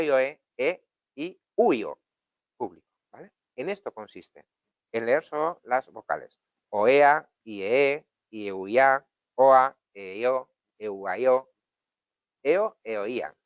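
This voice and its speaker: A man's voice: medium pitch, dry recording. A man with a Spanish accent from Spain, teaching public speaking in a webinar and explaining exercises in a conversational way. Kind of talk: webinar lesson. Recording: dull, dry recording.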